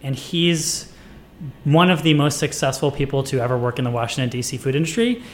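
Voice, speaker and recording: A man's voice: mid-range voice, fairly quick. Casual male guest, self-deprecating humor, light room noise. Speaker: guest, ice cream maker. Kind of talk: casual podcast chat.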